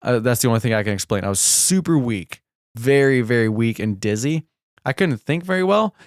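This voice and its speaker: A man's voice: mid-range voice, expressive, a little fast, no echo, clean studio sound. A young man co-hosting a podcast, telling a long story in a rambling, casual way, laughing often and saying "like" a lot. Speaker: podcast co-host.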